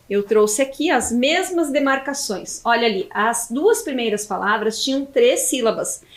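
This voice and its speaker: A Brazilian Portuguese woman teaches young children in a video lesson. Her voice sits high and swoops up and down a lot, and she draws words out syllable by syllable. It sounds like a roomy, echoey space. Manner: slow, stretched syllables when spelling out words. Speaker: primary school teacher.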